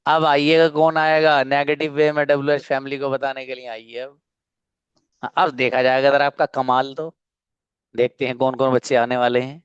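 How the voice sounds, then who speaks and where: A man teaching an online English class, calling on students by name and drilling each sentence slowly. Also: medium pitch, flat delivery, clean tone, dry recording, muffled recording.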